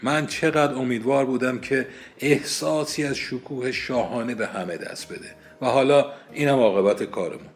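A man's voice: mid-range voice, natural voice. A man reading aloud and giving voice to an irritable, pompous young man who grumbles impatiently. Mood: grumbling.

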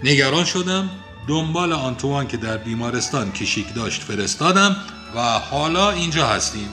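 A man's voice: medium pitch, expressive, bright, forceful tone, soft background music. A man reading a stern, imperious father. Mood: tense.

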